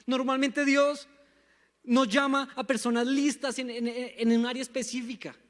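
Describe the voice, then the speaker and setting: A man's voice: very high-pitched, little pitch movement, unhurried, fairly bright tone. A young man from Colombia with a Bogotá accent preaching a sermon, emphatic and calling on the congregation to repeat after him. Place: church sanctuary. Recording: long church hall reverb.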